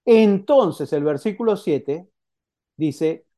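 A man's voice: a little high, animated, slow, mellow. A male pastor with a Rioplatense Spanish accent, preaching a sermon in a conversational way, often tagging his points with a questioning "eh?" and acting out little quotes. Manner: conversational preaching with frequent "¿eh?" tags and acted quotes.

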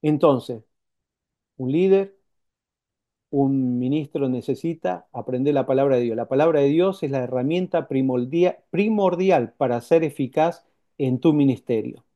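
A man preaching a sermon, conversational and lively, with rhetorical questions and repeated points. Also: medium pitch, a little slow, dull audio. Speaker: pastor.

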